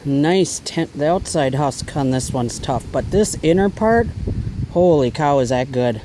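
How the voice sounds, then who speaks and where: A man's voice: on the high side, expressive, measured pace, warm tone, slight background noise, poor audio. Easygoing man chatting outdoors. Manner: chatty, easygoing, talks while eating. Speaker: bushcraft vlogger. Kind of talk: casual outdoor cooking vlog. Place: outdoors by a cooking fire.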